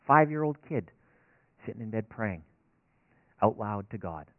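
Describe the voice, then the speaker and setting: Folksy chaplain on a tinny line. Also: male voice, fairly low pitch, animated, unhurried, no room sound. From northern Alberta. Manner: folksy, earnest, self-deprecating storytelling. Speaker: racetrack chaplain. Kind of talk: storytelling sermon. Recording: dry, tinny phone-like sound.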